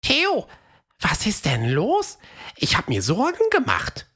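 A woman voicing Fred, a fast, eager male dinosaur runner in a children's audio story, in a high, excited voice. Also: husky, exaggerated voice. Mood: worried.

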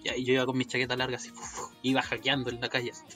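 Fast-talking, bright-voiced Chilean man. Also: mid-range voice, completely flat delivery, soft background music. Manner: quick, slangy anecdotes. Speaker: podcast co-host. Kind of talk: casual chat.

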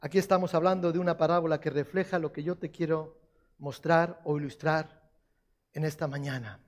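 A man's voice: fairly high pitch, fairly even intonation, a little fast. A man preaching a sermon, repeating key phrases for emphasis and putting questions to the congregation.

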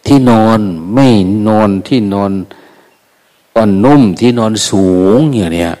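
Older monk with a low, mellow voice. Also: male voice, lively intonation. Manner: soft, unhurried, folksy with quoted asides. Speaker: Buddhist monk. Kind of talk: Dharma talk. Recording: long hall reverb.

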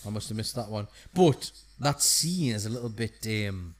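Bloke, relaxed, chatting films and asking stuff. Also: male voice, fairly low pitch, moderate pace. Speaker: podcast co-host. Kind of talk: casual film chat.

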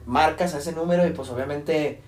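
A man's voice: fairly quick, darkish tone. A young Mexican man casually telling a ghost story to friends, rambling and jumping into quoted voices. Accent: Mexican Spanish. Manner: rambling, acts out quoted voices with high pitch jumps. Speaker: podcast host telling a scary story. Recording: echoey room.

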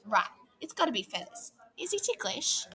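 Woman voicing Big Red, a booming kangaroo chief. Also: big pitch swings, normal speed. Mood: booming hearty. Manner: loud, hearty, decisive. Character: booming male kangaroo leader, kindly.

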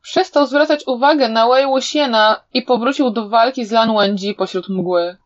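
A woman reading a fantasy novel aloud in an even, measured voice, as an audiobook narrator, in a slightly dull recording. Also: a little high. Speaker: audiobook reader.

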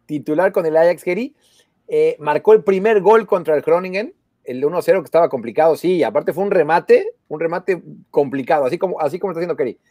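Dark-voiced man talking football. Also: a little high, quick pace, no room sound, clean studio sound. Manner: chatty, with hesitations and repeated words. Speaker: football correspondent. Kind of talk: casual sports talk. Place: abroad, in the Netherlands.

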